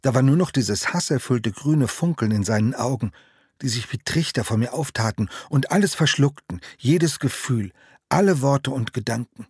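A man narrating a children's novel with lively, expressive storytelling. His voice is slightly husky and sits at a middle pitch, recorded close and dry in a studio. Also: moderate pace, no room sound. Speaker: author reading his own book. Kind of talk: audiobook narration.

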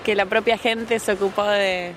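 A woman's voice: medium pitch, steady tone, brisk, fairly bright tone. A young woman from Argentina with an Argentine accent, a pilgrim giving brief, plain answers in a street interview on a beach. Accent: Argentine Spanish. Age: young adult. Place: outdoors on a beach.

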